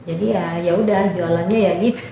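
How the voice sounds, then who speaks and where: A woman's voice: lowish voice, fairly even intonation, brisk, vocal fry, warm tone. Young woman chatting in an echoey room. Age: young adult. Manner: chatty, many fillers, acts out students' voices. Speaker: interview guest, former volunteer teacher. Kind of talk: casual podcast conversation. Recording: very echoey room with faint noise.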